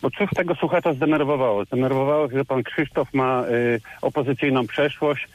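A man's voice: mid-range voice, fairly even intonation, moderate pace, no echo. A man calling in to a radio phone-in show, heard over a phone line, talking hesitantly with many filler sounds and an indignant edge. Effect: caller heard over a phone line on radio. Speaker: radio call-in caller. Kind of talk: heated phone-in opinion.

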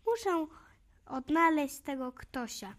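A woman's voice: high voice, sing-song, slow, exaggerated voice. A woman voicing a brave, curious little girl who plays detective, speaking in an eager, firm way in a children's storybook. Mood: excited. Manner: eager, bright and bossy.

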